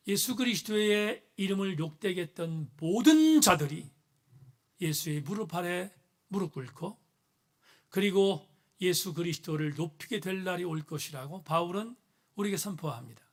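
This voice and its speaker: A man with a notably high voice delivers a sermon as pastor. His phrases build in earnest emphasis and then settle. He is speaking in a church. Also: a bit bright.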